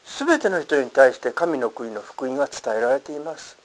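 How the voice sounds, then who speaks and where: Man, pastor, sermon, earnest, emphatic, animated pitch. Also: a little fast, rough recording. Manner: earnest, emphatic preaching with lively pitch swings.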